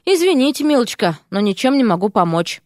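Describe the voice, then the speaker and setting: A woman's voice: a little high, sing-song, a little fast, no echo, clean studio sound. A woman voicing a flustered, fussy male vice dean who grumbles and complains. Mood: grumbling. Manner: grumbling, exasperated.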